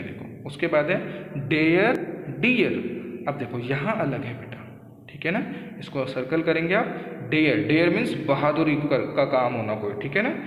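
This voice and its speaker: A man's voice: on the high side, reverberant, big-room sound, highs cut off. A man with an Indian accent teaching a school English lesson, explaining patiently and calling the students "beta".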